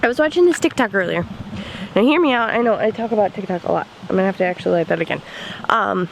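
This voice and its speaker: A woman's voice: medium pitch, lively intonation, fast talker, vocal fry, a little hiss or hum. A young woman vlogging outdoors by a cabin in the woods, chatting casually and rambling with lots of fillers. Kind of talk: casual vlog chat.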